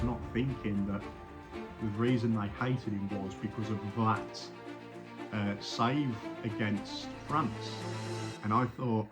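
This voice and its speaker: A man talking about an away trip in a relaxed, low-pitched voice. He rambles and restarts his sentences as he remembers. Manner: chatty, rambling, with frequent restarts. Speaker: football fan telling his story. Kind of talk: casual spoken recollection.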